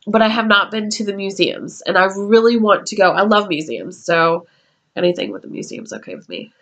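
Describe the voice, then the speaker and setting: This is a woman in her twenties making a casual vlog from her room at home. Her voice sits at an ordinary middle pitch. She rambles in a friendly way, dropping ums as she goes through her list. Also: expressive, a little fast, fairly bright tone. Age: 20s. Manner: chatty, meandering, with frequent ums. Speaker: YouTuber.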